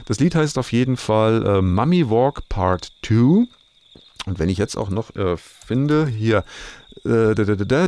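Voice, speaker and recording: A man's voice: lowish voice, darkish tone. A middle-aged man presenting a music show in a casual, rambling, colloquial and self-ironic way. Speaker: radio music show host.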